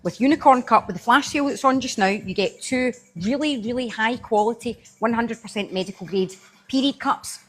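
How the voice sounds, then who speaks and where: A Glaswegian woman with a fairly quick, higher-pitched voice hosts a casual live-stream product demo over soft background music. Chatty as a live-selling host, she thanks and answers viewers by name while demoing.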